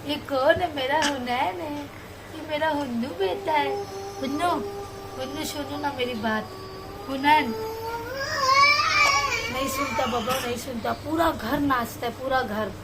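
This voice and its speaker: Slow high-voiced young mother, sing-song baby talk. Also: very noisy. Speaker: vlogger. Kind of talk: casual family vlog, talking to a baby. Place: home, indoors.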